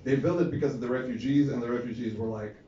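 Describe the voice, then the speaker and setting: A man in his thirties from Serbia with a Serbian accent, doing a dry, deadpan stand-up comedy set on a small club stage. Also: mid-range voice, fast, a little hiss or hum. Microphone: handheld mic, filmed from the audience. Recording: echoey, muffled club audio from far off. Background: audience laughter.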